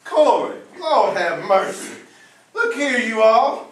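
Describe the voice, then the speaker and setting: A man's voice: high voice, animated, unhurried, echoey room, far from the mic, very noisy. A man acting as a fussing middle-aged mother in a school play, scolding in a motherly drawl. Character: fussing Southern mother Rose, middle-aged, bossy but loving. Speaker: student actor.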